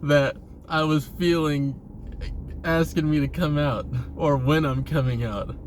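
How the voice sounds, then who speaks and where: This man's unhurried, fairly high-pitched voice holds a steady tone as he delivers an informal personal monologue laced with profanity. He chuckles at times while vlogging about himself, with distinct vehicle-like noise behind him.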